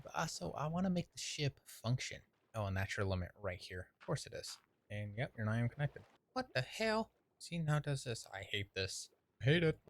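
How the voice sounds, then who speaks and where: Gravelly-voiced man narrating his gameplay. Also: fairly low pitch, a bit bright. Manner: rambling, self-talking, exclaims at setbacks. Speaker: gaming video creator. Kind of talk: casual gameplay commentary.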